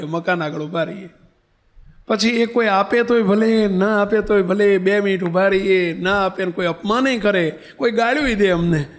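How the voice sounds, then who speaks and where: A man, a monk preacher, telling a story in a sermon and acting out the dialogue vividly. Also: high-pitched.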